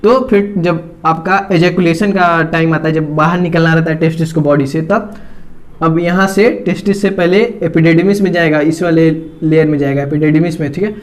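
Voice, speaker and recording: A man's voice: a little high, fairly even intonation, moderate pace. A man teaching biology while drawing a diagram, repeating each term and checking in constantly with his students. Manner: repeats terms, checks in with "theek hai" constantly.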